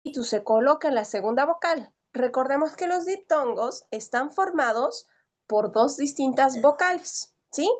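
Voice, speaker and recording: A woman's voice: sits high, expressive, unhurried. A woman teaching a language class who explains patiently, asks her students questions and keeps checking that they follow. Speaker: Greek teacher. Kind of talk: online class lecture.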